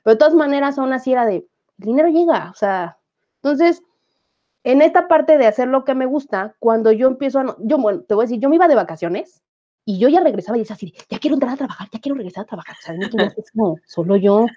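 Animated Mexican woman telling her story. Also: a little high, quick pace, muffled recording. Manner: animated, acts out quoted dialogue. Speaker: guest. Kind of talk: casual conversational storytelling.

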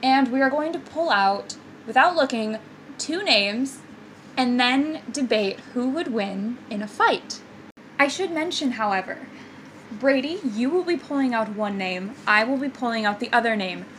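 A woman's voice: fairly high pitch, animated, a bit bright, slight background noise, low-quality recording. A woman co-hosting a podcast in casual, teasing banter. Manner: teasing, playful, quick banter. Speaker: podcast co-host. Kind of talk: casual chat.

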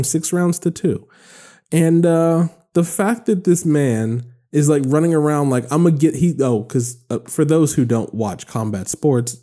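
Man, 30s, podcast host, loose rambling joker, mellow tone. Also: mid-range voice. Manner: rambling, joking, lots of fillers. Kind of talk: casual solo podcast monologue.

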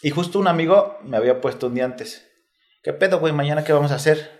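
Fairly high-pitched and fast, this man speaks with a Mexico City accent as a guest in a relaxed interview. The retired footballer relates a personal story plainly and in slang, laying it out step by step.

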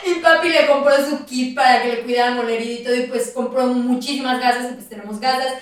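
A young Mexican woman with a high voice tells a story in animated chat, acting out every shout and quoted line. She sounds far from the mic in a very echoey room. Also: quick pace. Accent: Mexican Spanish. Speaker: podcast co-host.

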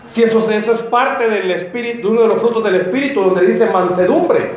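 A man preaching a sermon in a church, animated and joking, acting out comic voices of his congregation. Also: high-pitched, brisk. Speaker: pastor. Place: church sanctuary. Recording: very echoey church hall.

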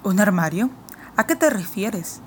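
In an audiobook reading with a faint hiss in the background, a woman voices a cold, imperious queen who is commanding and suspicious, questioning sharply and impatiently. She uses a medium-pitched voice with big pitch swings and a measured pace.

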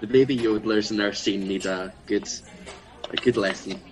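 Laughing often, a Scottish man in his twenties who performs in drag jokes around in a playful, self-deprecating chat. His fairly low voice moves at a normal speed with fairly even intonation, over faint music in a rough recording.

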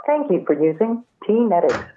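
Sex: woman. Role: automated collect-call operator. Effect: over a landline phone. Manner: formal announcement, varied pitch. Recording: tinny phone line. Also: big pitch swings, moderate pace.

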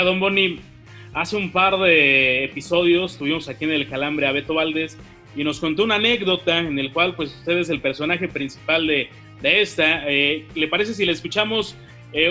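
Male host, bright, fairly high voice, respectful interviewer. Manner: friendly, respectful address to guest. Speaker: podcast host. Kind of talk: podcast interviewing.

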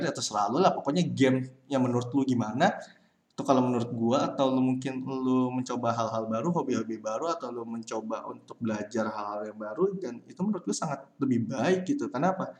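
A man's voice: mid-range voice, darkish tone. A young man talking through a casual solo podcast, giving rambling, slangy advice full of fillers. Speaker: podcast host. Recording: roomy echo.

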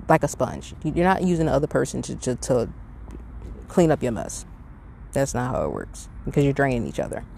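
With slight background noise behind her, a middle-aged podcast host talks alone and unscripted in a low, warm voice touched by vocal fry. She rambles candidly and hands out advice with real emphasis.

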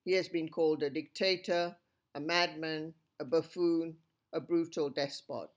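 A podcast host reading a scripted introduction in a measured, even delivery. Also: mid-range voice. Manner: measured, read-aloud delivery. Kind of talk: scripted narration.

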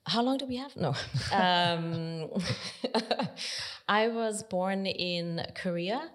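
A woman in her forties from Denmark, a podcast guest talking through her story thoughtfully, pausing often with fillers. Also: lowish voice, a bit bright. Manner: thoughtful, hesitant with many pauses and fillers. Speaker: podcast guest, nonprofit library director. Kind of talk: reflective interview conversation.

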